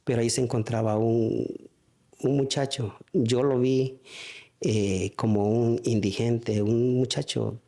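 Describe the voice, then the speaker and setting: A man giving a spoken church testimony, halting, with frequent restarts and fillers. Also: medium pitch, steady tone, mellow.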